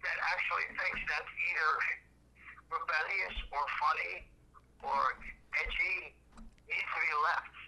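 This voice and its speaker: A man's voice: a little high, fairly even intonation, a little slow, vocal fry, pauses often, sharp tone. A man heard over a phone on speakerphone, joking in a blunt, scornful way and swearing freely. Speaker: friend called in on the phone. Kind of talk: casual comedic banter. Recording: thin phone line with faint hiss.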